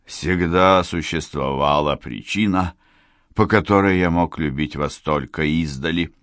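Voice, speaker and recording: A man voicing a flustered, lovesick army colonel who mutters hesitantly in a low voice. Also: a little slow, fairly bright tone, no room sound, clean studio sound.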